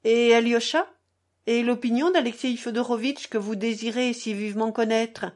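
A woman reading aloud, voicing an irritable society lady who speaks in sharp, sarcastic exclamations. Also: fairly high pitch, fairly even intonation, normal speed, close to an everyday voice.

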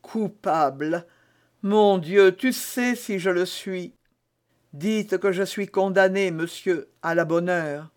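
Slow and high-pitched, a man performing an audiobook gives voice to a desperate woman prisoner with schemes of her own, who begs and prays in a tearful, dramatic manner, her mood pleading and indignant.

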